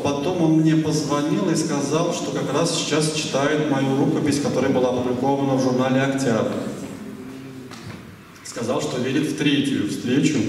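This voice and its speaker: A man in his fifties, a writer answering audience questions at a library talk, musing and digressive, with pauses and fillers. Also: medium pitch, noisy background. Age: 50s. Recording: echoey hall, voice picked up from a distance.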